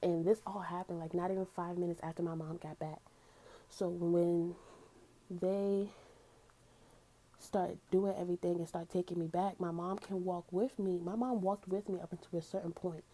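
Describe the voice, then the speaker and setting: Young adult woman, casual storytime vlogger; low-ish, warm voice, candid and earnest delivery. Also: steady tone, normal speed, rough recording.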